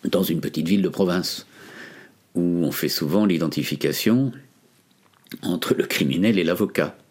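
A man in his sixties from the Ardennes, with a metropolitan French accent, recounts his experience as a lawyer in a hesitant, deliberate manner. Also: low voice, breathy edge. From Ardennes, France. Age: 60s. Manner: hesitant, deliberate, frequent long pauses. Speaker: defence lawyer. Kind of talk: recounted testimony in an interview.

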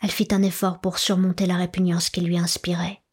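A woman reads a classic novel aloud in a soft, measured voice that drifts into whispers. Her tone is very breathy and husky. She keeps a flat, even delivery with little rise and fall. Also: on the low side. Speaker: audiobook narrator. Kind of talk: literary audiobook narration.

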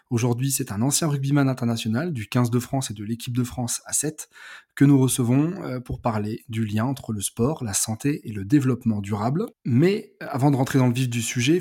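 A man hosting a podcast, reading a clear scripted introduction and then putting questions to his guest. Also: medium pitch, mellow. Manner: clear, read-aloud presenting. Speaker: podcast host.

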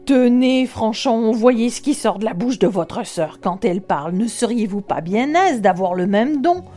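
A woman reading a storybook, voicing a harsh, grasping mother with a loud, sharp, demanding voice. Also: fairly high pitch, animated, normal speed, soft background music.

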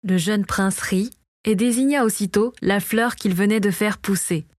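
A woman reading a fantasy novel aloud as narrator, in a steady storytelling voice, close to the mic. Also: mid-range voice, normal speed. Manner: steady, even storytelling read. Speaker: audiobook narrator. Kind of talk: scripted narration.

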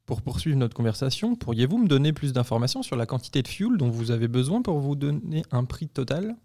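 A man playing a polite AI voice assistant, speaking in a formal, measured, half-robotic way. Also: mid-range voice, sing-song, dark tone. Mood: formal helpful. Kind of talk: role-play on a podcast.

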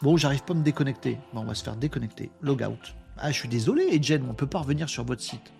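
A man's voice: mid-range voice, lively intonation, quick pace, gravelly, darkish tone, faint music behind. A tired man, hosting a casual livestream and reading viewer comments aloud with playful asides. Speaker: livestream host reading chat. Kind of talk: casual live chat.

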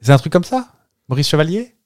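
Playful man with a lively voice. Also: fairly high pitch, quick pace, no echo, clean studio sound. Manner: playful, jokey, wild guessing. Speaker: podcast co-host. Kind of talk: casual banter.

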